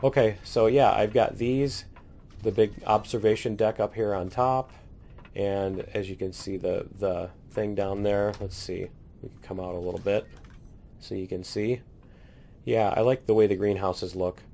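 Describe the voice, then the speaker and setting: A man chatting casually as he tours his base in a building game, rambling and laughing, a little hoarse and clearing his throat now and then. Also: lowish voice, steady tone, measured pace, mellow, slight background noise. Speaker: let's play host. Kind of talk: casual gameplay commentary.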